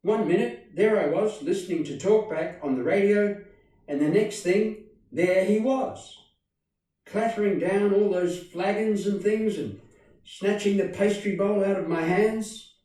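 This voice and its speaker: A man's voice: sits high, a little slow, mellow, voice pushed up. A man voicing a flustered middle-aged mother who chatters breathlessly in a storybook reading. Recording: very echoey room, distant mic.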